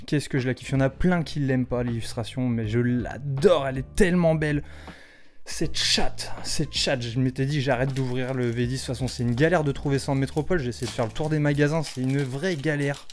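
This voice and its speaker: Man, 30s, casual card-opening vlogger, excitable and loud at big pulls, faint music underneath. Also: mid-range voice, quick pace, hardly any pauses. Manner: excitable, exclaims loudly over cards. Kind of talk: casual vlog commentary.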